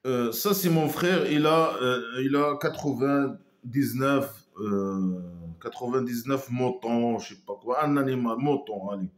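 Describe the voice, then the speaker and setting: A man's voice: medium pitch, measured pace, hardly any pauses. Scornful, hesitant man in an echoey room. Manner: hesitant, full of trailing asides; scornful, mocking. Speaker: online commentator. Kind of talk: casual critical monologue.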